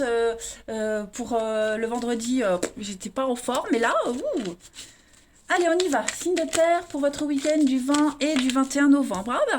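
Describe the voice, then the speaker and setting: A woman reads tarot cards for her viewers in a loose, chatty way. Her voice sits high, and she keeps stumbling into fillers and restarting her sentences. She talks to the audience as her friends. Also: slight background noise. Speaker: tarot reader. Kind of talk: casual tarot reading for viewers.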